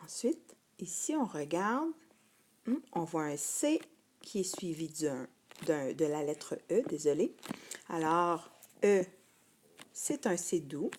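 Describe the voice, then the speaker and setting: A woman's voice: deep voice, expressive, takes it slowly, pauses often, a little mellow, slight background noise. A woman teacher with a Québécois French accent, giving a patient phonics lesson to first graders and repeating each word twice.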